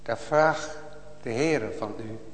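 Male preacher, slow and fervent, fairly high voice, long church reverb. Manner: impassioned, swinging from loud outcries to hushed pleading; addresses the congregation with repeated "O gemeente". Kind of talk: sermon.

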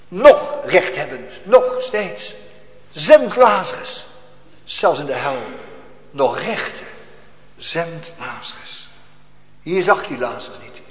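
A man preaching a sermon emphatically, repeating phrases and swinging from loud to hushed. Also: mid-range voice. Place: church. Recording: echoey church hall with faint ambience.

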